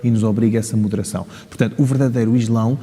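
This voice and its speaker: A Portuguese community leader answers interview questions in a European Portuguese accent, articulate and emphatic, throwing in rhetorical questions. His voice is fairly low and mellow, very fast, with fairly even intonation. He's recorded in a large mosque room, and the sound carries a long, hall-like reverb.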